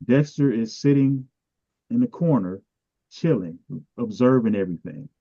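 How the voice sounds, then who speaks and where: A man's voice: mid-range voice, animated, normal speed, dark tone, dry recording. A man running a tabletop game as game master, describing scenes and guiding players. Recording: dry, dull-sounding.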